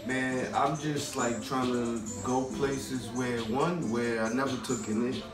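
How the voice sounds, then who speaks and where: Speaking slowly and in a steady tone, this rapper from Queens rambles through a relaxed interview in street slang with a New York accent. His mid-range voice is caught by a distant mic in a roomy space, with music playing in the background.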